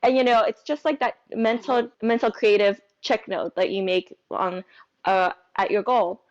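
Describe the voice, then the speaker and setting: A woman's voice: medium pitch, fairly even intonation, normal speed. Chatty woman guest, slightly dull sound. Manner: cheerful, chatty, frequent fillers and laughter. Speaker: guest photographer. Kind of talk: casual interview.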